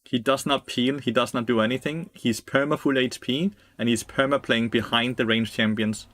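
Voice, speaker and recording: A man's voice: mid-range voice, fairly even intonation, moderate pace, fairly bright tone. A young man streaming a game, giving blunt, profane commentary, laughing and answering chat. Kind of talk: casual gameplay commentary.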